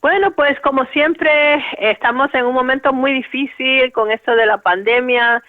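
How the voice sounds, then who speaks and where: A woman's voice: sits high, fairly even intonation, a little slow, no room sound. A woman lawyer from Cuba, explaining cases carefully with fillers and restarts in an interview. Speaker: immigration lawyer, guest. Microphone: phone line. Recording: tinny dry phone line.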